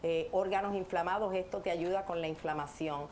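A woman's voice: on the low side, fairly even intonation, brisk, a little mellow. A woman in her forties hosting a live cooking show in a large home kitchen, bubbly and exclaiming as she tastes food, recorded on a lapel mic. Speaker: host. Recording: noisy kitchen background.

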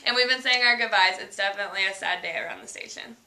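A young woman, an intern at a radio station, chatting fast and giggly in a casual vlog. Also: medium pitch, bright, forceful tone, roomy sound. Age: young adult.

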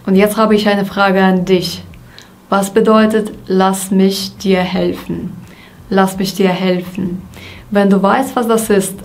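A woman teaching a German grammar lesson, saying example sentences slowly and repeating each one. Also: mid-range voice, creaky, a little mellow. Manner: slow, deliberate example sentences, repeated twice.

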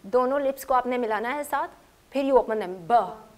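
A woman's voice: high voice, normal speed. A woman teaching English phonics to a class, patiently stressing each letter sound. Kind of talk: classroom lesson.

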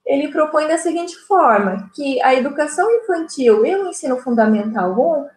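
A woman's voice: high-pitched, animated, normal speed, a little mellow, roomy sound. A woman with a Brazilian Portuguese accent explaining a student project at an online seminar, talking in a loose, explanatory way with frequent fillers. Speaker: seminar moderator presenting student work.

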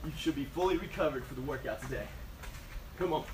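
A man's voice: medium pitch, expressive, quick pace. A male aerobics instructor leads a timed workout with short, motivating commands and countdowns. He is exercising as he talks. The camera picks him up from a distance on a covered porch, with echo and a faint layer of noise. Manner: motivational coaching, counting down, short urging cues; exercising while talking. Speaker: fitness instructor. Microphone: camera several metres away. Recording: echoey, noisy, distant camera microphone outdoors.

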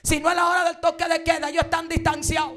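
A woman preacher, telling her story in a fiery sermon and breaking into shouted praise. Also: very high-pitched, flat delivery, quick pace, soft background music. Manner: shouts and chants praise between stories.

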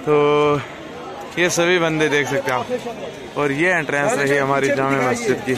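Recording on a phone held at arm's length, a young Jammu and Kashmir, India, travel vlogger casually points things out to his viewers across busy streets, vehicles and monuments. His voice is on the high side and measured in pace, with a crowd in the background and traffic noise around.

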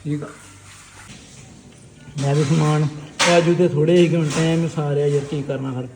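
A man's voice: fairly high pitch, little pitch movement, moderate pace, over music. A man vlogging casually at home, chatty, giving directions to family as he films. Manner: chatty, instructing family members. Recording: noisy home background.

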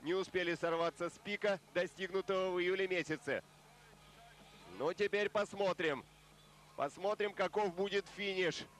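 A male sports commentator giving live race commentary, measured and explanatory at first and pressing harder as the boats near the finish. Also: high voice, a bit bright.

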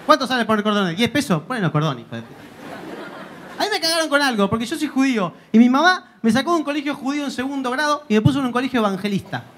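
A man's voice: extremely high pitch, sing-song, fast talker, fairly bright tone, a faint crowd, a little hiss or hum. A man with a Buenos Aires accent doing stand-up comedy in a club, speaking in a punchy, slangy way. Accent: Argentine, Buenos Aires. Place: comedy club stage with audience.

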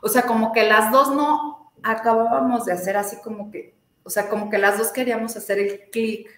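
A woman, telling a personal story in a casual, animated way and acting out the voices of the people she quotes. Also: on the high side, moderate pace, reverberant. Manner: animated, acts out quoted dialogue. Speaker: guest, student of a healing method.

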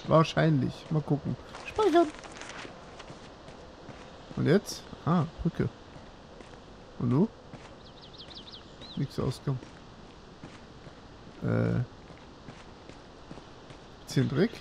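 Ein Mann, der beim Spielen locker vor sich hin kommentiert und mit sich selbst redet. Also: male voice, medium pitch, takes it slowly, creaky, pauses often, a little hiss or hum. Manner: relaxed, mumbling to himself while playing. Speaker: let's play host. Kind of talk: casual game commentary.

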